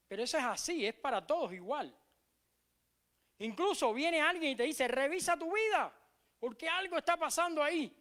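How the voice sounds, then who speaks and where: Cuban pastor, middle-aged man, high tenor voice, sermon delivery with emphatic repeats and quiet asides. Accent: Cuban Spanish. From Cuba. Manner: emphatic preaching, drops to soft low asides, repeats key phrases.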